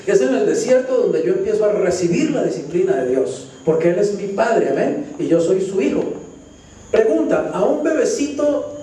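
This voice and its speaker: A man with a Colombian Spanish accent preaching a sermon as pastor, animated and often asking the congregation questions. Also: high voice, normal speed, a little hiss or hum. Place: church hall. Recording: very echoey church hall, distant mic.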